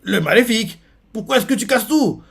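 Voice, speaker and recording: A man's voice: extremely high pitch, lively intonation, fairly quick, vocal fry, a bit bright, breathy edge, pitched above the performer's own voice, full character voice. A man voicing a flustered, anxious young man in a raised, agitated voice. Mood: alarmed.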